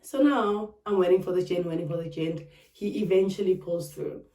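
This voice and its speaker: A young South African woman vlogger telling a personal story in a dramatic, expressive way, with sharp retorts. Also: on the low side, moderate pace. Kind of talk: storytime chat. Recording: roomy, a bit distant from the mic.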